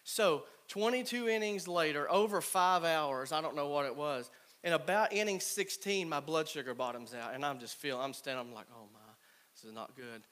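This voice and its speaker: Man, thirties, former ballplayer, storytelling to a team, fairly high voice, drops to soft asides. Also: normal speed. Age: 30s. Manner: animated storyteller, acts out quoted teammates. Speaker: former college baseball player speaking to a team. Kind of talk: storytelling talk to players.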